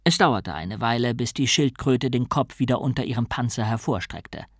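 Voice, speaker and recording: Gravelly woman narrating an audiobook. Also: very deep voice, animated, normal speed, dry recording, clean studio sound. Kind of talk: scripted storybook narration.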